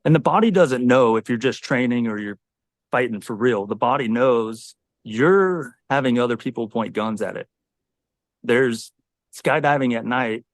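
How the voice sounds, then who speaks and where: A man's voice: medium pitch, moderate pace, dry recording, clean studio sound. A man in his forties, a Navy SEAL, talking earnestly and reflectively in a podcast conversation.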